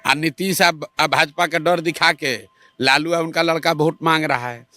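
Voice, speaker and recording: A forceful man argues his side in a political interview. He fires off rhetorical questions in a bright, tense, somewhat high voice. The sound is close and dry. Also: fairly even intonation, moderate pace, no echo. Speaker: interviewee, party supporter.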